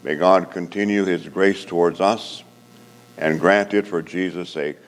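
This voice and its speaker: A man with a very low, deep voice preaches from a pulpit microphone. His delivery is measured and solemn, as at a sermon and benediction. The sound hangs in a church's long, ringing reverb. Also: fairly even intonation, a little hiss or hum. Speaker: pastor. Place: church sanctuary.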